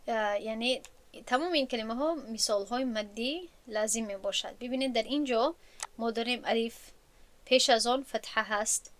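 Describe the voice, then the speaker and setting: A woman's voice: fairly high pitch, a bit bright. A woman teaching a recorded lesson on recitation rules, patient and explanatory and often restating her points.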